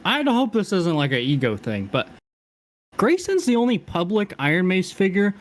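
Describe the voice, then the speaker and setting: A man's voice: high-pitched, sing-song, normal speed. A man chatting casually on a podcast, loose and full of fillers. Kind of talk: podcast chat.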